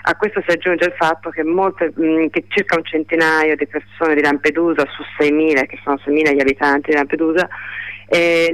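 A woman giving a live report by telephone, talking in a halting way with many fillers and restarts. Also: deep voice, clear, resonant tone, no echo, low-quality recording. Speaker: phone-in reporter.

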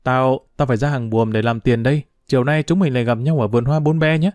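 A man voicing a scrappy, cheeky street urchin boy in an audiobook, talking fast and boastfully. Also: mid-range voice, darkish tone, no room sound, close to an everyday voice. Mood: cocky. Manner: boastful, quick, teasing. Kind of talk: audiobook character voice.

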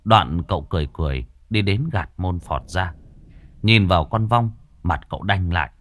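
A man narrating a ghost story with dramatic, expressive delivery. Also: sits low, normal speed, dry recording.

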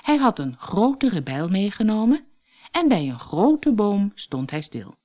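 A woman narrating a fairy tale for an audiobook in a slow, expressive reading style. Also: mid-range voice. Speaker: storyteller.

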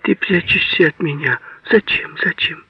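A childlike, passionate young man, voiced by a male audiobook reader, pleads in a soft, half-whispered voice pitched well above the reader's own. He sounds hurt and earnest, like someone lovesick. The recording is dull and lo-fi with a dry sound. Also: normal speed, breathy edge, no echo. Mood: pleading.

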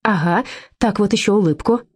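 A woman's voice: mid-range voice, moderate pace, breathy edge, pitched above the performer's own voice, natural voice. A woman doing a brash, cheeky woman. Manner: brash, colloquial, teasing.

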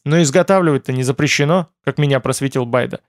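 A man's voice: mid-range voice, fast talker, no echo, studio quality, lightly acted. A man voicing a wry, easygoing young man who jokes and teases in an audiobook. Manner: joking, mildly sarcastic.

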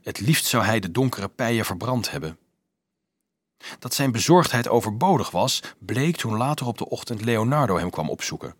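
A man reading a novel aloud in an expressive, storytelling way. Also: fairly low pitch, moderate pace, slightly rough, dry recording, studio quality. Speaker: audiobook narrator. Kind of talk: scripted narration.

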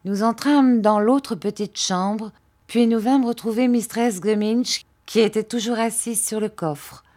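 Slow, measured woman audiobook narrator. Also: fairly high pitch. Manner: measured, calm reading. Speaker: audiobook reader. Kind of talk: scripted narration of a novel.

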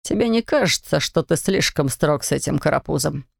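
A woman's voice: sits low, expressive, vocal fry, dry recording, studio quality, pitched below the performer's own voice, exaggerated voice. A woman reading aloud and voicing a meddling, mocking middle-aged male neighbor who drawls his remarks. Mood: teasing. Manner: teasing, drawling, slow.

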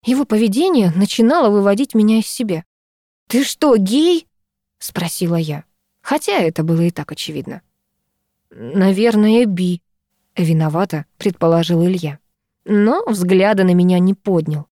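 A woman narrating a novel in the first person, reading in a steady, even way. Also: fairly low pitch, a little fast, dry recording, studio quality. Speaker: audiobook narrator.

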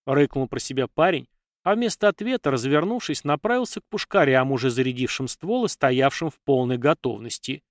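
A man narrating a fiction audiobook with a steady storytelling read into a close mic. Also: medium pitch, a little fast, no room sound.

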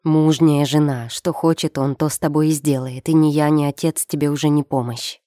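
Woman reader doing a stern middle-aged noble mother, sharp, commanding, dry close sound. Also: deep voice, fairly even intonation, moderate pace, no room sound, natural voice. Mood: scornful. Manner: sharp, scornful, curt. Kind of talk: audiobook character reading.

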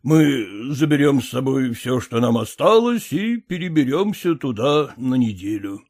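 A man's voice: medium pitch, expressive, unhurried, a little mellow. A man reading an audiobook, voicing a gloomy, sentimental nobleman who sighs and exclaims. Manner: mournful, exclaiming. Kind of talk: audiobook character voice.

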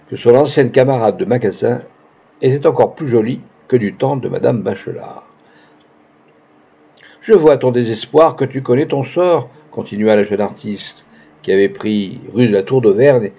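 A man narrating a literary audiobook in a measured, even storytelling manner, in a dull lo-fi recording. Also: mid-range voice, vocal fry, slightly rough.

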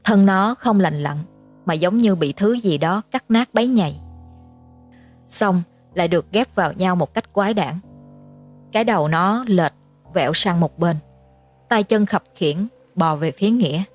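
A woman narrating a horror story in a measured storytelling manner. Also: on the low side, lively intonation. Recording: faint music underneath.

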